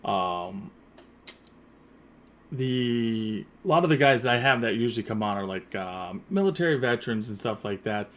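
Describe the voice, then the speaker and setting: Speaking into an earpiece headset, a podcast host chats loosely with his guest, full of fillers and restarts as he rambles. He has an animated, medium-pitched voice at normal speed.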